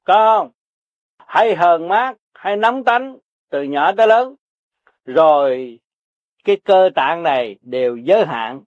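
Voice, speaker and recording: An older man with a Southern Vietnamese accent delivers blunt, repetitive, earthy Buddhist teaching to his listeners in a folksy spiritual style. His voice sits on the high side, with lively intonation and a slow pace broken by frequent pauses. The recording is dry, dull and lo-fi, with no echo.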